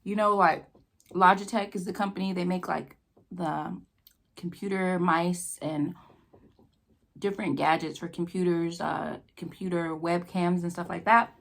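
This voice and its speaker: An American woman telling a casual, rambling personal story with halting pauses, talking between bites with her mouth sometimes full. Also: fairly low pitch, steady tone, creaky. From New Mexico, United States. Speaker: vlogger telling a personal story while eating.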